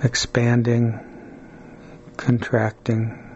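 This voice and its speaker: A man guides a body-scan meditation in a calm, soothing way. His mid-pitched voice stays very even and flat, and he leaves long pauses between short phrases. A light hum of noise runs behind him. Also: dull audio.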